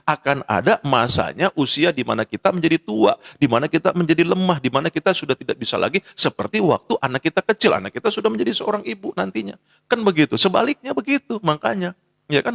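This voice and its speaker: A man preaching a morning sermon on a live stream, talking in a lively way and acting out what mothers and children say. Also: high voice, vocal fry, no echo, studio quality. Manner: animated preaching, acts out quoted mothers and children. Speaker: pastor. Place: live social media broadcast.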